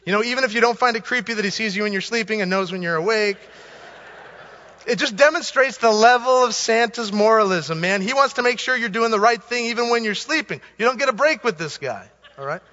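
A man's voice: sits high, lively intonation, fast talker, hardly any pauses, bright, forceful tone, in a large hall, dull audio. A man preaching a Sunday sermon, earnest and emphatic, repeating key phrases for weight. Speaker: pastor. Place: church sanctuary.

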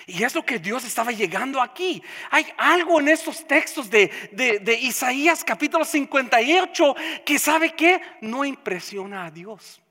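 A preacher delivering an emphatic sermon, repeating phrases and swinging between loud declarations and hushed asides. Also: high-pitched, lively intonation, moderate pace, hardly any pauses. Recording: long hall reverb.

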